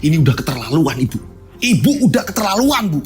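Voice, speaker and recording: A man's voice: fairly high pitch, sing-song, quick pace, over music. A man voicing an upset, exasperated young daughter pleading with her mother.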